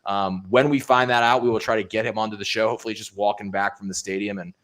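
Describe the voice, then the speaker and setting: A man hosting a sports podcast in casual chat, relaxed and filling gaps with ums before he passes the talk to his co-hosts. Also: lowish voice, fast. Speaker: podcast host.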